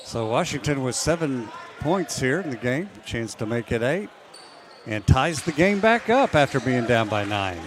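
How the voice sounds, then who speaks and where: A man calling live basketball play-by-play, quick and rising when baskets fall. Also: medium pitch, very animated. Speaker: play-by-play announcer. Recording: noisy gym broadcast.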